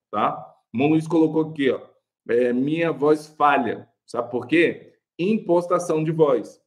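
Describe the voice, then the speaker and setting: A young man with a Brazilian Portuguese accent teaches preaching live online as a pastor. He has a medium-pitched voice and an animated, chatty manner. He often laughs and addresses viewers as "gente".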